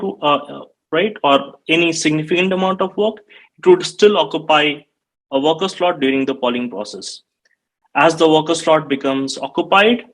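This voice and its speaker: Speaking from an indoor home or office room in video-call-style webcam framing, a Nepali man in his thirties gives a technical conference talk as a software engineer. His voice runs on the high side with a fairly bright tone, the recording is rough, and his steady explanation is dotted with "uh."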